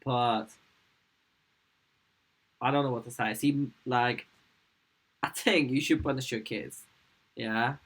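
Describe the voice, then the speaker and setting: A man hosting a reaction video, talking straight to his viewers in a halting, agitated way. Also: mid-range voice, steady tone, a bit bright, poor audio. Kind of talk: casual reaction commentary.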